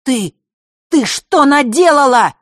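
A woman's voice: sits high, expressive, slow pace, no echo, studio quality, pitched above the performer's own voice. A woman voicing a proud, hot-tempered teenage boy who speaks curtly and defiantly. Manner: curt, defiant.

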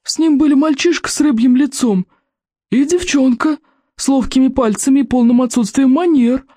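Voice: high voice, moderate pace, dark tone, dry recording, clean studio sound, voice pushed up. A reader voicing a crazed, scrawny old male librarian who screeches and hisses his words in a storybook reading. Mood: shrill, accusing. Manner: screeching, hissing, creaky. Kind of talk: audiobook character voice.

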